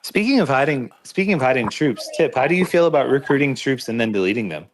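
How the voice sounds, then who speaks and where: Man from New York, mid pitch, joking hype-man. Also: lively intonation, quick pace. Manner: joking, hypes up the play. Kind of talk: casual stream chat.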